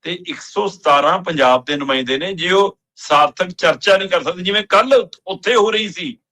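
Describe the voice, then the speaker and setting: A man's voice: high-pitched, normal speed, sharp tone. A man giving emphatic political analysis on a talk show, pressing pointed questions.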